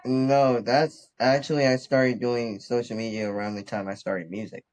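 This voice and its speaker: In a casual interview chat, a slangy, laid-back guest laughs often; he's a twenty-year-old rapper from Bridgeport, Connecticut. He speaks at normal speed in a medium-pitched, steady, slightly mellow voice. The audio is poor.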